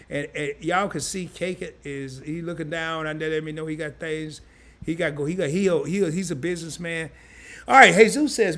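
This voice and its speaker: A man hosting a casual live stream, animated and chatty, reading viewer comments aloud in loose slang. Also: a little high. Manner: animated, chatty, repeats himself.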